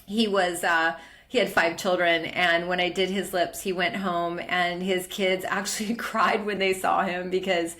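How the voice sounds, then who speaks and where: A woman's voice: fairly low pitch, level tone, a little slow, a bit bright. A middle-aged woman teaching a permanent makeup training lesson, presenting her work over slides in an enthusiastic, chatty way with frequent fillers.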